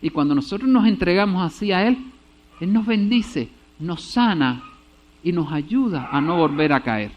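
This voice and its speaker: A man's voice: sits high, lively intonation, normal speed. A man preaching a sermon as pastor, often checking in with the congregation and saying amen. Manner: preaches with rhetorical checks and repeated amens.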